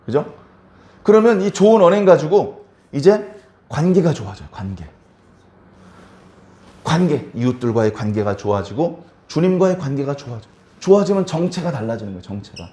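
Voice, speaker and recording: A man's voice: on the high side, expressive, normal speed, long pauses, dark tone, reverberant. A male pastor preaching a sermon, repeating key words for emphasis and putting questions to the congregation.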